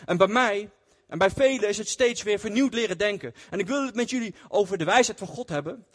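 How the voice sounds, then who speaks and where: Earnest high-voiced preacher man, echoing hall. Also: brisk. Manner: earnest, retelling scripture with raised cries. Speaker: lay preacher. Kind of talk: church testimony sermon. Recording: long hall reverb.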